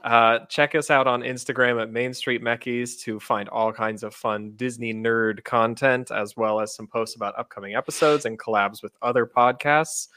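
A man's voice: mid-range voice, fairly even intonation, moderate pace, hardly any pauses, sharp tone, no echo. A young man co-hosting a podcast in casual chat, playful with laughing asides. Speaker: podcast co-host.

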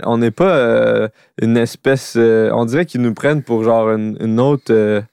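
A man in his forties with a Québécois accent, chatting casually and pausing often to search for words. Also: medium pitch, steady tone, gravelly, a little mellow, clear, resonant tone, no room sound, clean studio sound. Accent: Québécois French. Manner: hesitant, searching for words with many fillers. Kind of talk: casual chat.

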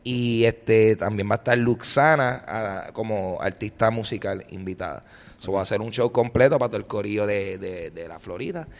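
A Puerto Rican man, a comedian guest on a podcast, chatting excitedly in quick bursts sprinkled with English words. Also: fairly low pitch, gravelly, in a large hall. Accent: Puerto Rican Spanish. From Puerto Rico. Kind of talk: casual podcast chat.

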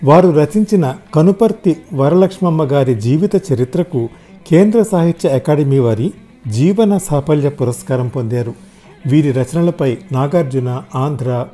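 Male storyteller, calm and measured, dark mellow tone over soft music. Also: mid-range voice. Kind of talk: reading a short story aloud.

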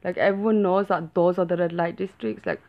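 A woman's voice: lowish voice, steady tone, a little fast. Chatty woman, lo-fi sound. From England. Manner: chatty, hedging with many "like"s. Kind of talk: casual conversation. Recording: dull lo-fi audio.

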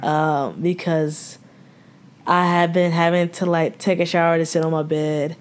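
A young woman from the American South with a Southern accent, co-hosting a casual podcast from home, talking frankly with cursing and quick restarts. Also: deep voice, little pitch movement, a little hiss or hum. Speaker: podcast co-host. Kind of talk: casual chat. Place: home room, remote recording.

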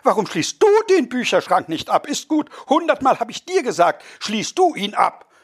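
Man doing an outraged middle-class host, shrill and high, scolding his guests, voice swinging wildly. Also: sing-song, moderate pace, husky, full character voice. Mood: indignant. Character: irate middle-aged bourgeois host.

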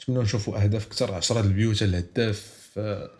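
Fast-talking man with a Moroccan accent. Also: on the low side, a little mellow. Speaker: football podcast host. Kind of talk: casual sports podcast chat mixing in French.

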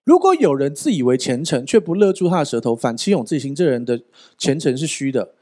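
A male pastor preaching a sermon in an animated, joking way, often asking the listeners rhetorical questions. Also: mid-range voice, fast talker.

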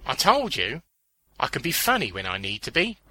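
A man voicing a sardonic, resourceful male clown with a dry, deadpan delivery. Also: mid-range voice, normal speed, dry recording, pitched above the performer's own voice, heavily acted, low-quality recording. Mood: wry.

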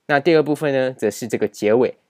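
A man's voice: medium pitch, fast, darkish tone. A man teaching a grammar lesson over slides, explaining patiently and repeating key points with many filler particles. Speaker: language teacher.

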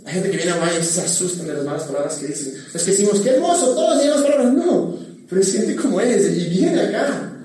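Animated male preacher in echoey hall. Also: high-pitched, brisk, far from the mic. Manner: candid, animated preaching with many restarts. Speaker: pastor. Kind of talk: sermon. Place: church hall.

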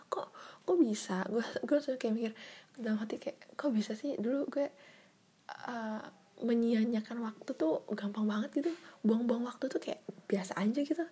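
A young woman muses aloud in a casual monologue. Her voice is very breathy and a little high, with a mellow, dark tone. She often slips into a whisper and circles back over her own questions. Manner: soft-spoken, drifting into whispers, filler-heavy and self-questioning.

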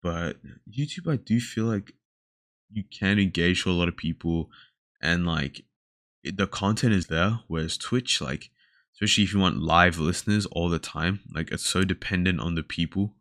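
A man's voice: sits low, normal speed, fairly bright tone, no echo, clean studio sound. A young Australian man hosting a casual solo podcast, rambling with lots of fillers and trailing off mid-thought. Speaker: podcast host. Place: indoors talking alone to a camera.

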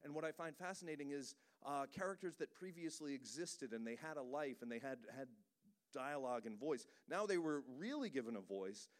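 A voice director gives an enthusiastic, joking talk about pop culture to a live audience at a cinema event. His voice sits on the high side and moves a little fast.

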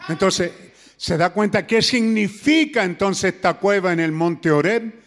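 A man's voice: high voice, measured pace, a bit bright. A man preaching a sermon, earnest and full of rhetorical questions to his listeners.

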